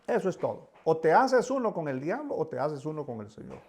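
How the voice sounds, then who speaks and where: A man's voice: a little high, sing-song, fairly quick, a little mellow, breathy edge. A man preaching a sermon with fervor, voicing pleading prayers and often repeating words.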